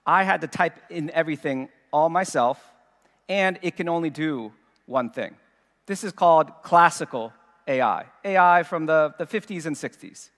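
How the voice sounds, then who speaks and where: A man in his forties gives a keynote on a large stage, his voice a little higher than most men's. He explains in an easy, conversational way through a headset mic, and a long reverb trails from the hall. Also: a bit bright. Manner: explanatory, conversational, addresses audience directly. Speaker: keynote speaker. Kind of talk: conference keynote talk.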